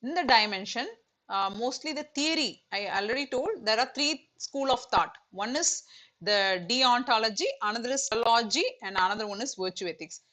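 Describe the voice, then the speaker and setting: A woman's voice: on the high side, a little fast, sharp tone. Woman teaching an exam-prep lecture. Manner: repetitive, filler-heavy explaining with "okay" and "uh".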